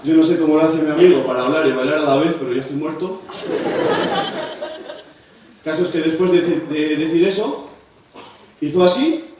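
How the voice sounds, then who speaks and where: A young Spanish stand-up comedian performs live in a university auditorium, speaking at normal speed with frequent pauses and jumping into loud, high voices to act out other people. The audience laughs, and the hall recording sounds echoey, distant, and noisy.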